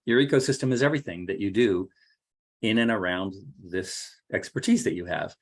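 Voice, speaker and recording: A man's voice: fairly low pitch, brisk. A man teaching an online course workshop as a marketing coach, talking casually with many fillers and restarts. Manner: relaxed, conversational, frequent fillers and restarts.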